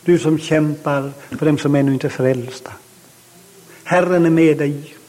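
A man's voice: a little high, steady tone, warm tone, in a large hall, low-quality recording. A man preaching a fervent sermon and prayer, calling out hallelujah often and climbing to emotional peaks.

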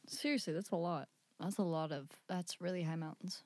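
A woman's voice: fairly low pitch, brisk, darkish tone, dry recording. Casual female podcast co-host, dry recording. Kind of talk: casual chat with some case narration.

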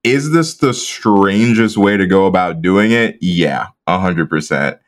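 A man with a very low voice talks through a film in a relaxed podcast chat. He rambles with fillers and laughs easily. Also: unhurried. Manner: laid-back, laughs often, rambling with fillers. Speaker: podcast co-host. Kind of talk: casual movie discussion.

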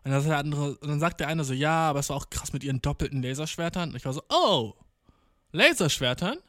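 Very fast and steady in tone, a young man with a slightly high voice tells a slangy, profanity-laden story, tagging lines with "ne?" and performing the voices of the people he quotes. The recording is dry and studio quality.

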